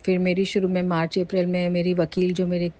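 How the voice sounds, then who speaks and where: A woman recounting a personal testimony in a casual, animated way, with many fillers and restarts. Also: fairly low pitch, a little fast, lo-fi sound. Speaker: devotee sharing a testimony. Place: lives near Jaipur.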